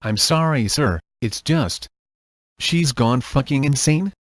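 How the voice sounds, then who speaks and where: A man voicing a panicky, whiny young man who pleads in a strained voice, in a dark comic storybook reading. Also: mid-range voice, lively intonation, slow, dry recording, studio quality. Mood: pleading.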